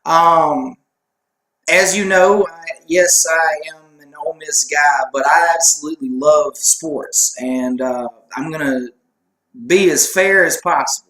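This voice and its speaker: A man's voice: a little high, a little slow, sharp tone. A man co-hosting a casual sports chat show, rambling and joking at his own expense. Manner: rambling, joking, self-deprecating. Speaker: co-host. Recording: echoey room.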